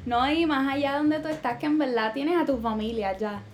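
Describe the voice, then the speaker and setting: A woman's voice: high voice, moderate pace, soft background music. A young woman co-hosting a casual podcast, speaking Spanish sprinkled with English slang. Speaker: podcast co-host. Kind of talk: casual chat.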